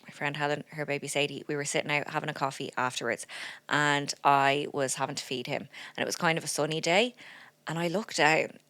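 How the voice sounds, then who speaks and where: A woman's voice: low-pitched, steady tone, fairly quick, fairly bright tone, no room sound. A woman in her thirties with an Irish accent, co-hosting a comedy podcast in a rambling, self-mocking chat. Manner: joking, self-deprecating, rambling with fillers. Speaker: podcast co-host. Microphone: studio podcast mic.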